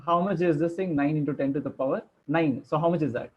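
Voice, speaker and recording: A man's voice: fairly high pitch, fast talker, dull audio. A man teaching a class over a video call, chatty and joking as he quizzes his students. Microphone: computer microphone on a video call.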